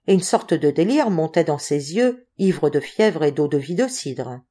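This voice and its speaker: Brief: female audiobook narrator, mellow, measured literary reading. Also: sits low, expressive. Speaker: audiobook reader.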